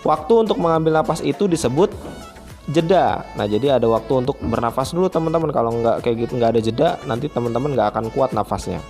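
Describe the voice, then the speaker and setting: Man, primary school teacher, online lesson for children, friendly, chatty, mid-pitched voice. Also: expressive, fast, a little mellow, faint music behind. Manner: chatty, friendly, often starts phrases with a filler.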